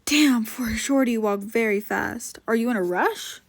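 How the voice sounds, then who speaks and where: A woman reading the lines of a calm, friendly teenage boy, easygoing and polite. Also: mid-range voice, normal speed, natural voice.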